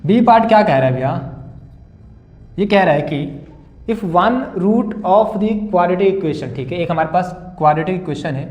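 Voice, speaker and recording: Echoey, higher-voiced male maths teacher. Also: lively intonation, normal speed, a little mellow, highs cut off. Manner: calls students "beta" and "bhaiya", asks and answers his own questions. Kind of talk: board-exam maths lesson. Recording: echoey room.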